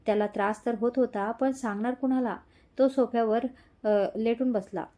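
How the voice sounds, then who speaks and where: A woman storyteller narrating a romantic audio story in a steady, expressive way. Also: a little high, moderate pace.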